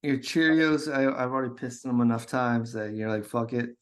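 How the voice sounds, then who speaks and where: A man's voice: mid-range voice, fairly quick. A man co-hosting a podcast in casual chat, teasing and ribbing his partner with jokes. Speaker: podcast co-host.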